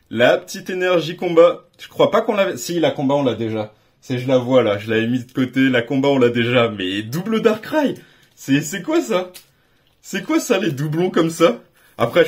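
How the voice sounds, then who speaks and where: A young man hosting a card-opening video, giving excited, slangy commentary and exclaiming loudly at every good pull. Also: on the high side, breathy edge. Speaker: card collector and channel host.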